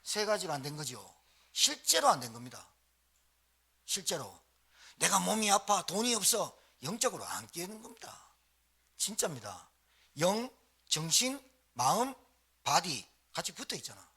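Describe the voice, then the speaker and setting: A man's voice: a little high, huge pitch swings, normal speed, pauses often, sharp tone, husky. A male pastor preaching a live sermon in a church, exhorting the congregation with short repeated phrases and calls for response. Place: church sanctuary, live service.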